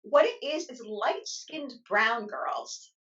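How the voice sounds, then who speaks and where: A woman co-hosting a casual chat show, animated and fiery in her opinions. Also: a little high, slow pace, far from the mic, muffled recording. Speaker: co-host. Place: in the United States.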